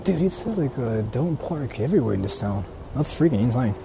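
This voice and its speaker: His mid-range voice swings widely in pitch and has a creaky edge, moving a little fast as he chats casually and curses in slang during a city livestream. It's recorded outdoors on a busy street, with traffic and urban noise behind him.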